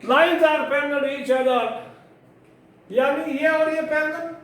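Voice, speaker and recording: A man teaching a math lesson with a very high voice. He stands well back from the mic in a strongly echoing room, and a faint hiss runs underneath. He reads the English definitions slowly, one word at a time. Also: steady tone, fairly bright tone. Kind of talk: classroom lesson mixing Hindi and English. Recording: echoey room from far off with faint noise.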